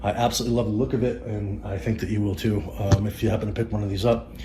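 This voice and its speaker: A man's voice: lowish voice, little pitch movement, quick pace, noisy background. Rambling Boston-accented man in an echoey room. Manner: rambling, with many ums and restarts. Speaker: tech vlogger. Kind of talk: casual unboxing vlog. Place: living room at home. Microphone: camera on a tripod.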